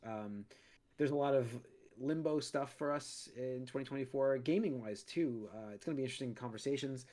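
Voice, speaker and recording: Still getting over a cold, a podcast host at his studio mic sounds a touch raspy in his mid-range voice, which has a darkish tone and a brisk pace. His casual chat wanders in loose runs, full of fillers, frequent stops and restarts.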